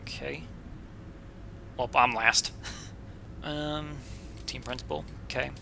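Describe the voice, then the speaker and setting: A man hosting a casual let's-play, chatty and joking as he reacts out loud. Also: medium pitch, fairly even intonation, slow pace, gravelly, a little hiss or hum. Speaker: gaming video host.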